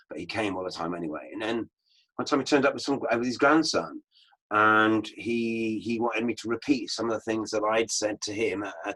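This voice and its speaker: A man with a somewhat low voice gives an online lecture over his slides. He tells his stories in an unhurried, anecdotal way, as a teacher sharing field experience. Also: fairly bright tone, husky, low-quality recording. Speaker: permaculture teacher.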